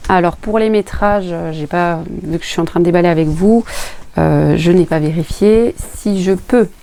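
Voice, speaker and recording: A woman's voice: lowish voice, normal speed, warm tone. A woman vlogging about sewing, chatting casually to camera as she unpacks and explains each item plainly. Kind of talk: casual unboxing chat to camera.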